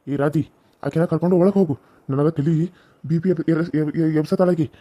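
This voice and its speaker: A man voicing a hot-tempered village husband, scolding gruffly. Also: a little high, steady tone, a little fast, dark tone, no echo, lightly acted. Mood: angry.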